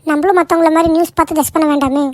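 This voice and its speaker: A woman's voice: very high-pitched, steady tone, very fast, no echo, clean studio sound. A woman voicing a caring young daughter-in-law in a cartoon, pleading and soothing. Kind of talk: cartoon voice acting.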